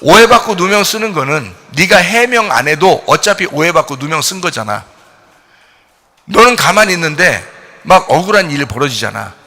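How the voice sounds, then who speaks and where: A male pastor preaching a sermon, addressing listeners directly in blunt informal speech, with sudden loud rises and hushed questioning drops. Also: fairly high pitch, lively intonation, normal speed.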